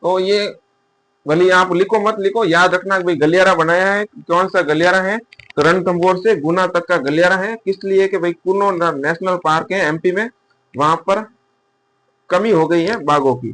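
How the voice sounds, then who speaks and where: Man teaching, repeating key words slowly. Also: high-pitched, a bit bright. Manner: repeats key terms slowly while writing, asks and answers his own questions. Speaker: exam coaching teacher. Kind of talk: casual classroom-style lecture.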